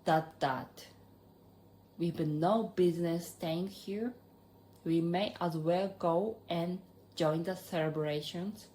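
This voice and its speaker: A woman with a Japanese accent voicing a calm, kindly old male wizard in a storybook reading, speaking in a gentle, measured way. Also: low-pitched, slight background noise.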